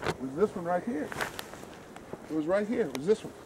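A man's voice: high voice, fairly quick. Middle-aged man chatting on a forest hike. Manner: excited, mimics owl hoots. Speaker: hiker. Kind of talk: casual chat. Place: forest trail outdoors. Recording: outdoor camera audio with noise.

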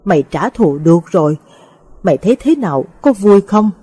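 A woman's voice: medium pitch, big pitch swings, normal speed, mellow, breathy edge, no echo, studio quality. Woman voicing a grieving old exorcist man. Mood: bitter grief. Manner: bitter, choked with grief. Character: grief-stricken old male exorcist, bitter.

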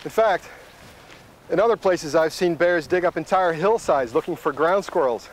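On the move through open coastal tundra, a middle-aged wilderness guide explains things in a matter-of-fact, teaching tone while he hikes. His pitch is a little high and his pace moderate, and a bit of background noise can be heard.

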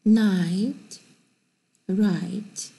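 A Korean-speaking woman records an online pronunciation lecture. Her voice sits slightly high but sounds dark and gravelly. Her delivery is unhurried overall, with slow, careful English model words between quicker Korean explanations. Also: steady tone, a little hiss or hum.

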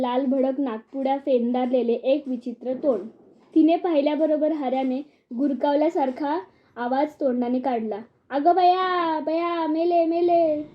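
A woman reading a humorous village story aloud, telling it expressively and acting out the outbursts. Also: sits high. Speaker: audiobook narrator. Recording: dull lo-fi recording.

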